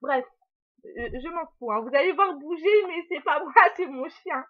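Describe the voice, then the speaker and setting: A young vlogger with a voice that sits high speaks at normal speed while giggling through a home haul video. Her casual talk is peppered with small hesitations and remarks to her puppy, captured in dull lo-fi sound.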